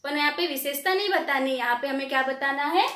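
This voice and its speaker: A woman teaching young pupils a grammar lesson, dictating definitions slowly and asking questions she answers herself. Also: sits high, bright, forceful tone, echoey room, a little hiss or hum.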